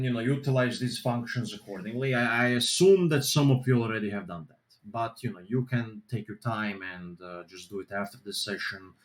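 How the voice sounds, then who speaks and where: A man's voice: medium pitch, reverberant. A man presenting a seminar over group voice chat, explaining in a loose way with many fillers. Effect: group voice chat audio.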